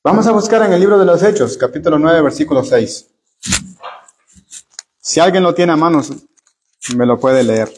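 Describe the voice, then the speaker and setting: A man's voice: on the high side, moderate pace, pauses often, a little mellow, slight background noise. A man leading a church Bible study sermon, earnestly addressing his listeners as brothers and often repeating words as he searches for phrasing.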